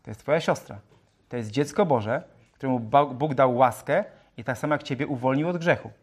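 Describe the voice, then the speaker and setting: A man preaching a sermon in a lively way, reading scripture aloud in a raised voice and joking with rhetorical questions. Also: medium pitch, a little fast, slightly rough. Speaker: pastor.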